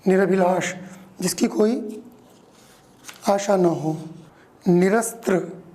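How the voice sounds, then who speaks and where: A male teacher giving a grammar lesson, explaining slowly and repeating each word, often checking in with the class. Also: high-pitched, mellow.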